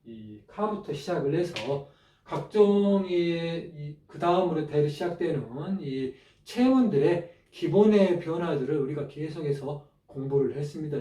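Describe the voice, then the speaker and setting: A man teaching a script lesson, explaining each stroke step by step in a halting way with many fillers. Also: on the high side, dark tone. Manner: halting, many fillers, pointing through steps. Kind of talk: spoken lecture explaining script on a board. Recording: distant mic, echoey room.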